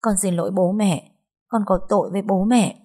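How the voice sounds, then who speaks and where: A woman's voice: mid-range voice, moderate pace, mellow, lightly acted. A woman voicing a tearful remorseful young daughter. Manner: tearful, self-blaming.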